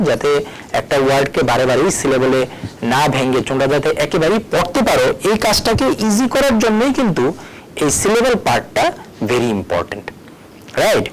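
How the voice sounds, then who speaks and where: A man's voice: a little high, a little hiss or hum, rough recording. A male teacher giving a recorded board lesson. He spells words out letter by letter and moves between Bengali and English as he explains. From Tripura, India. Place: at a board, erasing and writing.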